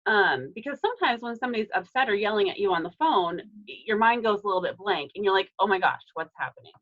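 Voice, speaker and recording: Woman trainer, casual staff presentation, muffled video call sound, mid-pitched, loose and chatty. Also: fast talker. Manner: casual, many fillers and restarts.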